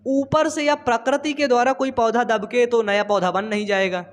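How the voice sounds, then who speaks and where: Young guy teaching bio from his home studio, high-ish voice, chatty, keeps repeating stuff. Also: steady tone, moderate pace. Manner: chatty, teasing students, repeats phrases. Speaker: biology teacher. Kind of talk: casual online lesson.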